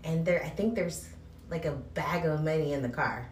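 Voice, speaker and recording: A woman's voice: low-pitched, normal speed, distant mic. A woman rambling informally as a podcast host, with playful asides and a cave-like echo from a bathroom. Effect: cave-like echo from the room. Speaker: podcast host recommending movies. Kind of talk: casual chat. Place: bathroom, on location. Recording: echoey cave-like bathroom, noisy.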